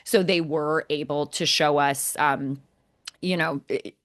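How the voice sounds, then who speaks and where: Deep, steady and slow, yet fairly bright in tone, this woman's voice drives opinionated commentary on race broadcasts. As a motorsport podcast co-host, she's emphatic and critical, explaining point by point.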